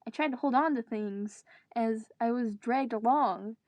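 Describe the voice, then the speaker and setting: Reading fan fiction aloud with dramatic flair, a woman often steps out of character for groans and joking asides. Her voice is slightly high, a touch mellow and unhurried, recorded with no room sound.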